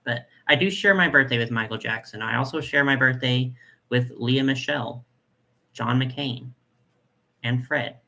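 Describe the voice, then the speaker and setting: A young man hosting a doll collector channel reads comments in a relaxed live chat, his nasal, creaky, mid-range voice unhurried and soft. He's chatty and leans on plenty of fillers.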